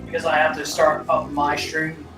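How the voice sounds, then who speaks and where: A man's voice: fairly high pitch, completely flat delivery, moderate pace, creaky, far from the mic. A man co-hosting a gaming live stream, chatting casually in an emphatic, opinionated way. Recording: echoey room, off mic, faint music. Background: faint game music.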